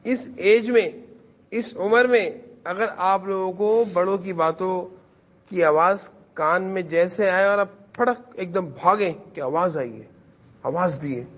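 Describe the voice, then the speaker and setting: A man's voice: sits high, fairly bright tone. A man teaching a class of children in a madrasa, who repeats his points and keeps quizzing the kids to answer. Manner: repetitive, questions the children and urges them to answer.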